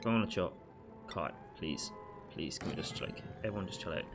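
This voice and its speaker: A man giving let's play commentary as a gaming channel host, frantic and swearing, talking to himself and his viewers, his pitch jumping up sharply whenever he panics. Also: expressive, a little fast, music in the background.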